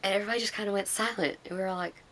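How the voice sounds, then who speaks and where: A woman vlogger telling an excited, rambling story in a casual way. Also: medium pitch, very fast, a little hiss or hum.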